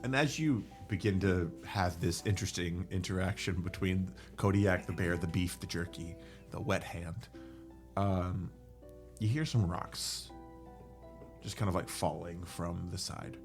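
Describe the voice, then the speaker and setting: A man narrating a tabletop game as game master, halting, with frequent fillers and self-corrections. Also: low voice, soft background music.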